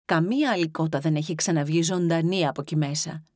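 A woman reads an animal storybook aloud in a low, steady voice. She is expressive and gives each farmyard creature its own voice. The sound is dry and close, with no room around it. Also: dry recording. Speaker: audiobook narrator. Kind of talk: storybook reading.

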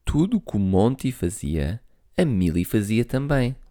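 A man reading a children's story aloud, lively and talking to young listeners. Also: fairly low pitch, measured pace.

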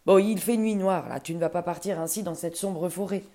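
A woman reading a storybook and voicing a grumpy, short-tempered male ogre who barks his lines loudly. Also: fairly low pitch, brisk, lightly acted. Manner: loud, barking commands.

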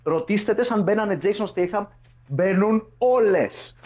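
A young podcast host with a high-sitting, darkish voice chats casually with friends, bantering loosely in a laid-back way. He laughs often and swears frequently.

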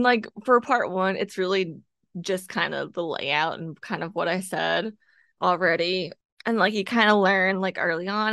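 A woman's voice: on the low side, fairly bright tone, no echo. Brief: woman podcast co-host, casual book chat, dry close sound. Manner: chatty, lots of "like" and "kinda". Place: home, with her cat nearby.

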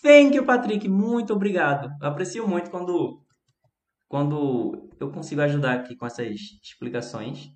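A man's voice: on the high side, expressive, normal speed, a little mellow. A man with a Brazilian Portuguese accent, an English teacher giving a chatty live-streamed lesson and answering viewers by name. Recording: roomy echo.

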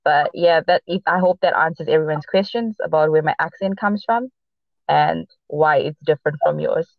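Deep-voiced with noticeable vocal fry, this native Portuguese speaker co-hosts a laid-back sports podcast. Her accent blends Portuguese, South African, and American traits from a childhood split among Boston, Los Angeles, and South Africa. She stops and starts, using lots of fillers, and the lo-fi audio is dry and muffled with no echo.

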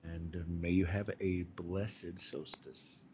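A man hosting a podcast, speaking in a polite, somewhat formal and measured way. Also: low-pitched, steady tone. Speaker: podcast host. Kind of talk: conversational interview hosting. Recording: dull lo-fi audio, clear background noise.

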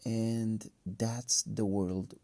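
A man who is a non-native English speaker, talking casually and haltingly in a solo podcast, with a cracking voice. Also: lowish voice, little pitch movement, vocal fry, warm tone, dry recording. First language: not English. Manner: halting, hesitant, thinking aloud. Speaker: podcast host. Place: empty room. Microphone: phone.

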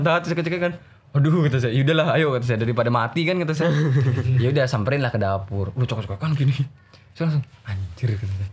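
Fast-talking animated young man storyteller. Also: breathy edge. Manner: animated, acts out voices of students in a raised pitch. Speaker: religious school teacher. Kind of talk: casual storytelling chat.

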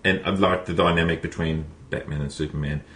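A man's voice: extremely low pitch, fairly even intonation, fairly quick, fairly bright tone. A man hosting a casual podcast, rambling with lots of restarts and fillers. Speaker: podcast host. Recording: echoey room, faint ambience.

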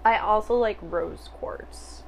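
A woman's voice: medium pitch, takes it slowly, gravelly, slight background noise. A young woman co-hosting a podcast in casual chat, giggling and rambling with fillers. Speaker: podcast co-host.

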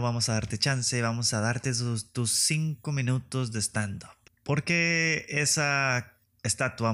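Podcast host, young Mexican man, mid pitch, slangy comic storyteller who acts out the people in his stories. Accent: Mexican Spanish. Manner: slangy, profane, animated storytelling with put-on voices. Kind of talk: casual comedic monologue.

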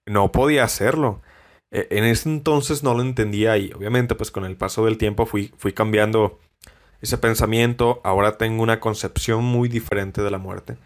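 A young man from Mexico with a Mexican Spanish accent, talking alone on his podcast in a reflective, halting way with many restarts. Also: on the low side, fairly even intonation. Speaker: podcast host. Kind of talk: reflective solo podcast monologue.

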